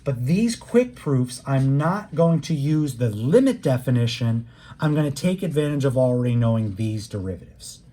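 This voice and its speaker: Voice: mid-range voice, lively intonation, moderate pace, warm tone. A math instructor giving a recorded calculus lecture, walking through each step patiently and talking straight to the students. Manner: patient step-by-step explaining, leaning on key words; plain conversational teaching, speaks straight to students.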